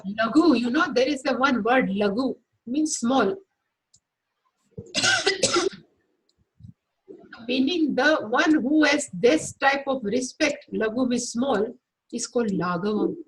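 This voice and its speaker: A woman with a high voice gives a scripture lecture at an unhurried pace. She takes her time, pausing to gloss each Sanskrit term for her listeners. Her delivery is patient and deliberate, like a teacher leading students through a text. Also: expressive, low-quality recording. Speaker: spiritual teacher.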